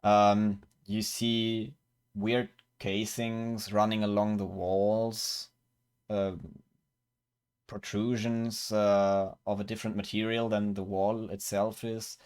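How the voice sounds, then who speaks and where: A man narrating as game master of a tabletop game, describing scenes slowly and searching for words with many fillers and restarts. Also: on the low side, level tone, a little mellow, clean tone.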